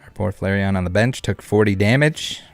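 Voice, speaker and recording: This card game streamer talks with his live audience in a rambling, joking, relaxed style, using a lowish voice at a normal speed. The recording has no room sound, just background music behind him.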